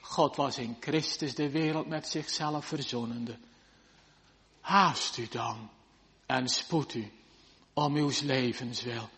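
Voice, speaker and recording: A man's voice: medium pitch, a bit bright, a little hiss or hum. A man preaching a fervent sermon in old-fashioned biblical language to his congregation in a church. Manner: slow, fervent old-style preaching with archaic scripture. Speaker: pastor. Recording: long church reverb.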